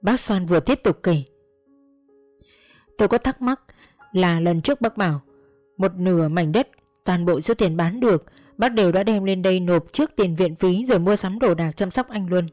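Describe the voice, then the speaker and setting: A woman storyteller narrating a first-person tale in a steady, measured, earnest way. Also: lowish voice, dry recording, faint music behind.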